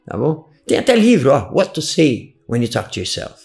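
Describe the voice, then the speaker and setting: A man's voice: mid-range voice, very animated, moderate pace, gravelly, a little mellow, soft background music. A man teaching an online language lesson in a chatty, casual way, laughing often and switching between two languages. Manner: chatty, laughs often, mixes in English phrases. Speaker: English teacher.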